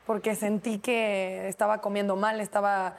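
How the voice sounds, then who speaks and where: A woman's voice: medium pitch, level tone, moderate pace. A Mexican woman on a talk show panel, talking candidly and casually about her own habits. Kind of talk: casual chat.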